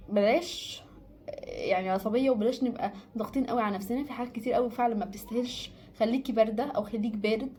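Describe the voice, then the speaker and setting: A woman's voice: on the high side, mellow, a little hiss or hum. A woman with an Egyptian accent gives casual life advice to the camera, chatty and repeating words for emphasis. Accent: Egyptian Arabic. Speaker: vlogger giving life advice.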